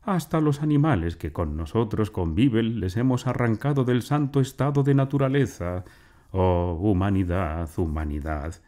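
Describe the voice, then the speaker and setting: A man's voice: on the low side, normal speed, warm tone, voice pushed up, lightly acted. A man voicing a pompous older uncle who declaims lofty ideals, in a storybook reading.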